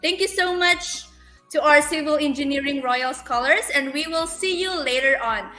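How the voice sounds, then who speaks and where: A woman's voice: high voice, normal speed, pushed and bright, faint music behind. A woman hosting an online event, presenting speakers in roomy, echoey audio. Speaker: host.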